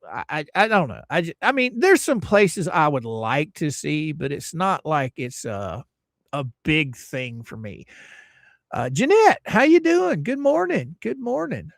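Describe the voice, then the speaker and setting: A man's voice: fairly high pitch, sing-song, measured pace, gravelly, no room sound, clean studio sound. A man from the United States hosting a casual livestream, greeting viewers by name and rambling through opinionated asides. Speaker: livestream host.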